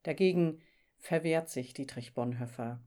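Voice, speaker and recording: A woman leading a church devotion with readings and reflection, speaking in a solemn, measured and deliberate way. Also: extremely low pitch, warm tone.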